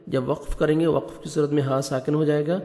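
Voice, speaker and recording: A man with a Pakistani Urdu accent teaching Quran recitation, who explains each rule slowly and patiently and slips English words into his explanation. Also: fairly high pitch, fairly even intonation, creaky, a little mellow, long reverb tail. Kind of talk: tajweed lesson, explaining rules between recited verses.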